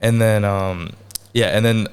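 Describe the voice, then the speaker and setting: A man's voice: fairly low pitch, steady tone, a little slow, clear, resonant tone. Laid-back young Australian man telling a story. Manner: laid-back slangy talk, heavy on "like" and "bro". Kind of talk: casual podcast storytelling.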